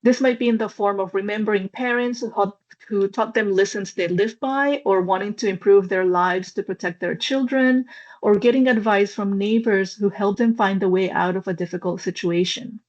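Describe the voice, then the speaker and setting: A woman lecturer presents her research in a webinar, speaking thoughtfully with frequent ums and uhs. Her voice is mid-range at a moderate pace, and the online call audio is slightly dull and lo-fi.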